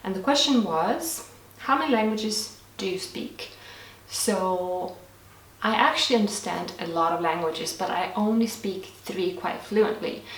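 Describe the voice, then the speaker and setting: A young woman whose first language is Lithuanian answers viewer questions to camera in a casual Q&A, earnest and unhurried, with small restarts. Her medium-pitched voice is off-mic and distant in an echoey room.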